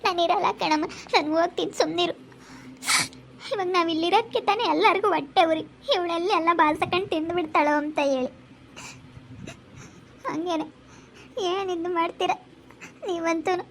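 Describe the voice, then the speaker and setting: A woman playing a hurt young married woman who is leaving home, speaking softly with a rural central Karnataka accent. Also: extremely high pitch, steady tone, normal speed, long pauses, a little hiss or hum. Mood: hurt, subdued. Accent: rural central Karnataka Kannada. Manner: soft, subdued, wounded. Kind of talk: amateur family drama acting. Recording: muffled lo-fi recording.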